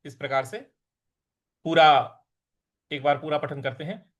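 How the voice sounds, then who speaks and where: A man teaching Sanskrit verse recitation, chanting lines slowly and then explaining pronunciation quickly. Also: a little high, fairly bright tone. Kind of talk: recitation lesson.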